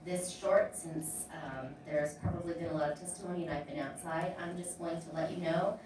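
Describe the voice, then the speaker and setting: A woman's voice: low voice, fairly even intonation, normal speed, background noise. A woman in her fifties giving brief public testimony at a hearing, hesitant with many ums. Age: 50s. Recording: echoey hearing room from far off.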